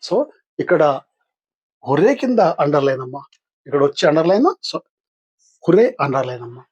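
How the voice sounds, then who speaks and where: A man's voice: a little high, very animated, fairly quick, a little mellow, breathy edge, muffled recording. An older man with a Telugu accent teaching English grammar for exam practice, patiently asking questions and answering them himself. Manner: patient, asks and answers his own questions.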